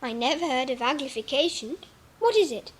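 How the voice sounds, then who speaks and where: High-voiced, polite little Alice. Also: female voice, animated, brisk, slightly rough, rough recording. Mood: curious. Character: polite, curious, well-spoken little English girl. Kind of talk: 1950s dramatised storybook recording.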